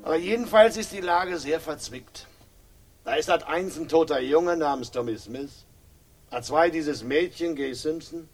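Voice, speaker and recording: Soft music plays behind a slightly high, unhurried male voice. The actor portrays a grimly ironic inspector in a 1960s German radio crime drama, needling slyly in a mock-jovial, hesitant manner and repeating his words.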